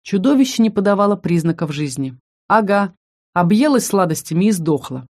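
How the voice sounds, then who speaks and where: A woman reading a first-person fantasy audiobook in a lively, expressive storytelling manner. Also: medium pitch, normal speed. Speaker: audiobook narrator.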